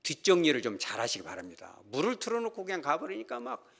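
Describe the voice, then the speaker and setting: A middle-aged pastor preaches with a somewhat high, creaky voice at a quick pace. He tells stories animatedly, voicing the characters he quotes, and asks the congregation questions.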